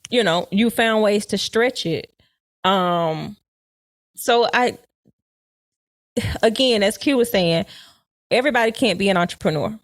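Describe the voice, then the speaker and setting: A woman's voice: medium pitch, unhurried, long pauses, dry recording, studio quality. A woman co-hosting a casual podcast, talking at length with many fillers. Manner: talkative, frequent fillers and laughter. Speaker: podcast co-host.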